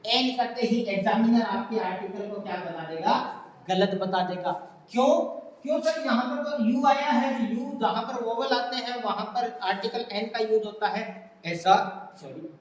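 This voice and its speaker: A man's voice: high voice, moderate pace. Male teacher explaining in a very echoey room. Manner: explains step by step, voicing students' questions and answering them. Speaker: English teacher. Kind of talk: classroom grammar lesson. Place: room, writing on a board. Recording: very echoey room with long reverb.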